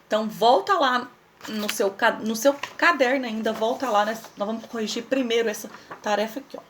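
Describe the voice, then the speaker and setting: Here a woman teacher with a fairly high, fairly bright voice leads a recorded lesson for small children, with slight noise in the background. Patient and slow, she spells words out and answers her own questions.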